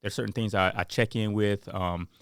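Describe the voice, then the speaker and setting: Guy cohosting a podcast, kinda low voice, rambles with lots of likes and ums, dry sound. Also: fairly even intonation, moderate pace, a bit bright, clean tone, dry recording. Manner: rambling, heavy on fillers like "like" and "um". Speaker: podcast co-host. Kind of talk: casual chat.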